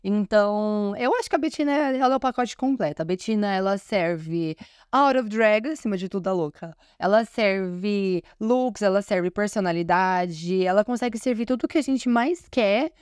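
A woman's voice: mid-range voice, normal speed, darkish tone, clean tone, no room sound, studio quality. A woman podcast host with a Brazilian Portuguese accent, chatting in an effusive, gushing fan recap full of fillers. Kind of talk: casual fan recap commentary.

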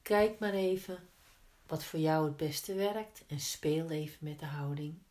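A woman teaching yin yoga, guiding gently step by step with unhurried pauses between instructions. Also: low-pitched. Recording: roomy, echoing indoor sound.

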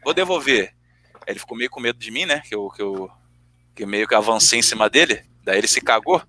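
A young man telling a story in casual chat, swearing often and acting out the arguments with animated quoted dialogue. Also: lowish voice, quick pace. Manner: animated, profane storytelling, acts out both sides of arguments.

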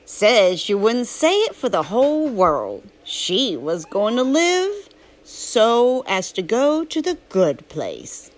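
A woman's voice: a little high, sing-song, takes it slowly. A woman voicing Huckleberry Finn, a plainspoken, restless boy narrating a storybook in a folksy, drawling Southern US accent. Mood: matter-of-fact, defiant. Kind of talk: first-person storybook narration.

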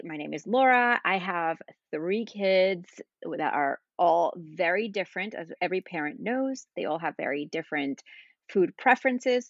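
A woman in her thirties from Spain talks in a low voice with a gravelly edge, chatting loosely as a podcast guest and using many fillers. The dry, dull, lo-fi sound suggests a remote recording with no room echo. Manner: chatty, rambling with fillers and asides. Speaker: podcast guest, cooking creator. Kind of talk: casual interview chat.

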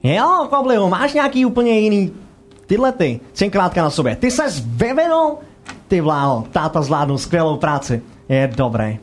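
A man putting on a giddy young goblin in a tabletop game, pitched high above his usual voice and gushing with quick laughs. The delivery bounces all over the place. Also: sing-song, faint music behind. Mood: excited. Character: excitable chatty young male goblin.

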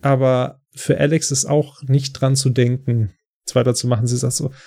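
A man's voice: medium pitch, flat delivery, moderate pace, gravelly, warm tone. A man co-hosting a podcast, casually retelling a TV episode in a loose, rambling way full of fillers. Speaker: podcast co-host recapping a TV episode. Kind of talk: casual chat.

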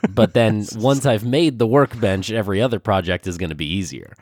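A young man co-hosting a casual podcast, nasal and congested from a cold, hesitant with many pauses and ums. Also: fairly low pitch, a little mellow, dry recording, studio quality. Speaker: podcast co-host.

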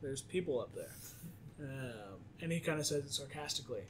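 A man's voice: medium pitch, lively intonation, normal speed, a little hiss or hum. A man casually recapping a movie plot in a podcast chat, acting out the characters' lines as he goes. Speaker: podcast co-host.

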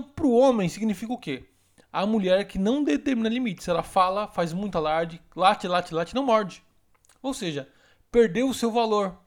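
A man who hosts a relationship advice podcast. He lectures emphatically and acts out example lines in a softer voice. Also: high voice.

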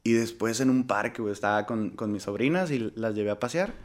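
A man's voice: lowish voice, fairly quick. A young man with a Mexican accent, a guest musician chatting casually, telling stories full of slang and acting out the voices of the people he quotes. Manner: animated storytelling with slang. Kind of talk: casual conversation.

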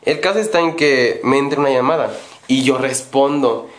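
Young mexican guy telling a story, lots of um and restarts, regular pitch. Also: moderate pace, echoey room. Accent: Mexican Spanish. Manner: rambling, with many fillers and self-corrections. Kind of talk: casual storytelling.

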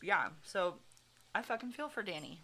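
A woman's voice: medium pitch, big pitch swings, normal speed, bright, forceful tone. A woman hosting a podcast, telling a true crime story in casual chat, full of fillers and swearing. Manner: chatty, many fillers like "like", swears freely. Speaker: podcast host.

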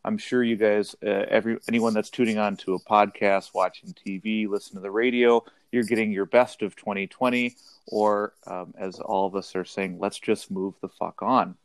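A man's voice: fairly low pitch, fairly even intonation, moderate pace, few pauses, no room sound. A man co-hosting a podcast in casual chat, joking around and laughing between lines. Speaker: podcast co-host.

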